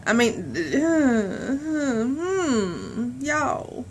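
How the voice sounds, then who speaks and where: A vlogger from the southern United States chats casually to the camera, laughing often, first in a car and then indoors at home, filmed on a phone held at arm's length. Her voice is high-pitched and husky, very animated yet very slow.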